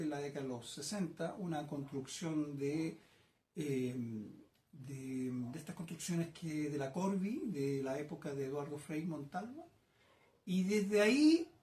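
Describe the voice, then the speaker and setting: A man in his sixties with a Chilean accent, a painter recalling his childhood in a reflective, hesitant way, often pausing and adding tag questions. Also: high-pitched, darkish tone, roomy sound. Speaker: painter being interviewed. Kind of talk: casual reminiscing interview. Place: his home painting workshop.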